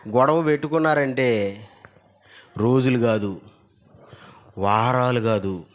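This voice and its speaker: A male pastor preaching a sermon at a church service, urging the congregation to repeat verses aloud and swinging between loud emphatic lines and low asides. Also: slow pace.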